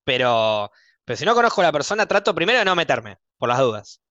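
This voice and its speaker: A man's voice: on the high side, big pitch swings, quick pace, pushed and bright, no room sound, dull audio. A man with a Rioplatense Argentine accent telling stories bluntly and jokingly in a casual podcast chat, with lots of slang. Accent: Rioplatense Argentine Spanish.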